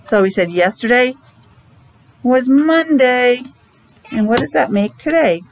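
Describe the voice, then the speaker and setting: Her voice slightly high and animated, a middle-aged woman teaches small children at a morning meeting, posing questions in easy, sing-song phrases at a somewhat slow pace. A face mask softens her words a little. It's captured on a device microphone at arm's length in a noisy classroom.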